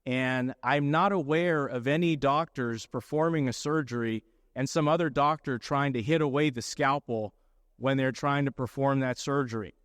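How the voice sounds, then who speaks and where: Man, middle-aged, lawyer presenting, mid pitch, explanatory, dry close sound. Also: moderate pace, fairly bright tone, no room sound. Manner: explanatory, often checks in with "okay?". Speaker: lawyer giving a talk. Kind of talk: conference presentation.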